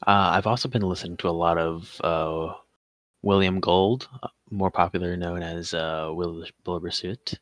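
A man's voice: sits low, fairly even intonation, normal speed, a bit bright, no room sound. A young man co-hosting a casual podcast, joking and laughing as he rambles. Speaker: podcast co-host.

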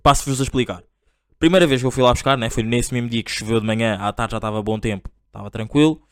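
A man's voice: fast talker, smooth, no echo, studio quality. A young man with a European Portuguese accent, telling a rambling, slangy comic story as a podcast host. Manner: slangy, rambling, animated, mimics shouting parents in a high voice. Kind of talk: casual comedic monologue.

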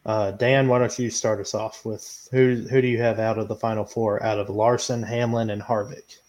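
A man hosting a sports podcast, moderating the debate with frequent pauses and ums. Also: on the low side, little pitch movement, darkish tone. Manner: hesitant, lots of ums. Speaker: podcast host.

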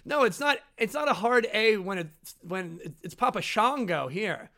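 Podcast co-host: man with a high, bright voice, giggly, teasing banter. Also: lively intonation, normal speed, gravelly. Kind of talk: casual chat over a live watch-along.

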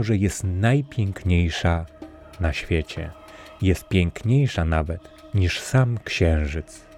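A man reads a fairy tale aloud in a measured, steady storybook manner. His voice is deep and low. A faint music bed plays underneath. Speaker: narrator.

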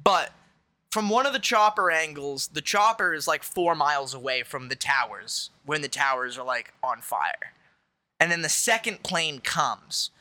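A young man chats casually in a slightly high, unhurried voice. He talks animatedly, swears freely, and shouts when he acts out quotes.

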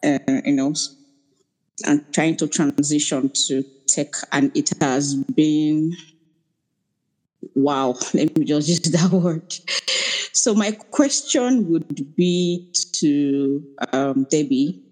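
A woman's voice: low-pitched, slow pace, mellow, rough recording. A Nigerian woman, a newcomer, politely asking a hesitant question in a live audio chat. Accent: Nigerian English. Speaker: caller, newcomer to the field.

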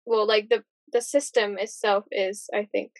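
A woman's voice: mid-range voice, little pitch movement, measured pace, dry recording. A young woman from Japan chatting casually as a podcast guest, trailing off with fillers. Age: young adult. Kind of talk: casual conversation.

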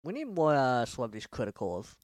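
A man's voice: medium pitch, big pitch swings, quick pace, no room sound, studio quality. A man co-hosting a casual podcast chat, jokey and laughing at his own bits. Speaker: podcast co-host.

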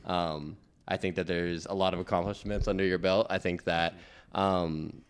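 A man's voice: sits low, fairly even intonation, moderate pace, clear, resonant tone. A man hosting a casual podcast, often stumbling and restarting his phrases. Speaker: podcast host.

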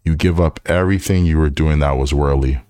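A man's voice: very deep voice, fairly quick, mellow, no echo. A man preaching a podcast sermon, earnest and exhorting, often repeating phrases and asking "right?".

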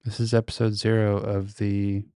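A man's voice: lowish voice, completely flat delivery, moderate pace, dark tone, clear, resonant tone, no echo. A man recording a casual, reflective solo podcast monologue very close to the microphone, speaking in a hesitant, introspective way. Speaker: podcast host.

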